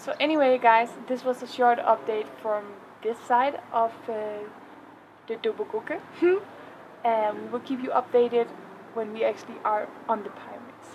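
A woman in her thirties speaking softly and dreamily in a casual vlog, halting with fillers, recorded outdoors on a mountainside by a camera mic a few metres away. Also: fairly high pitch, muffled recording. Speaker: vlogger. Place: outdoors in a rock cave on a mountainside. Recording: outdoor ambient noise.

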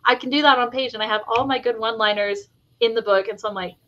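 A woman's voice: fairly high pitch, steady tone, quick pace, pushed and bright, highs cut off. Chatty woman author with frequent ums. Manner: chatty, many ums and likes, enthusiastic. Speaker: guest fantasy author. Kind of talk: casual interview chat.

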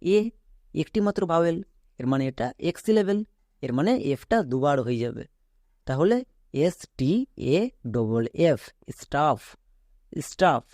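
A man's voice: on the high side, lively intonation, measured pace, long pauses, darkish tone, no echo, studio quality. A man teaching an online reading lesson, spelling words out letter by letter and asking his students questions that he then answers himself. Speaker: English teacher.

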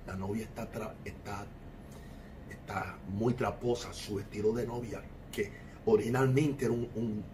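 Low-voiced man speaking gravely from afar. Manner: grave, solemn reflection. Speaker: host and preacher. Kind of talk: commentary on a played voice message. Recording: distant mic with noisy background.

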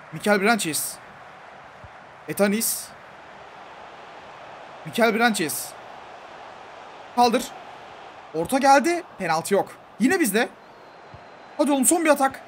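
A young man giving casual, excitable commentary over a football video game, pleading with the coach and yelling at the referee. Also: extremely high pitch, a little hiss or hum. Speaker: gaming YouTuber. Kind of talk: live gameplay commentary.

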